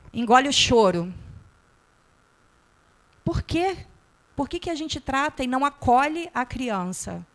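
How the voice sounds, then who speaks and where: A middle-aged Brazilian woman with a Brazilian Portuguese accent giving a talk, animated and questioning the audience directly. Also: high voice. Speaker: guest speaker.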